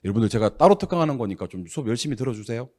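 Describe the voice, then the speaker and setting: A middle-aged man teaching a real estate exam class, drilling students on reading numbers aloud in a brisk, teasing, scolding way. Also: medium pitch, lively intonation. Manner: brisk, scolding, teasing, loud bursts of exasperation.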